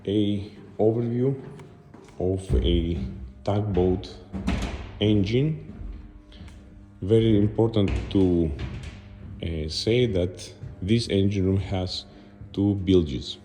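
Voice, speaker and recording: A man narrating an unscripted video tour as a guide, halting and pausing between short phrases. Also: on the low side, mellow, reverberant, faint music behind.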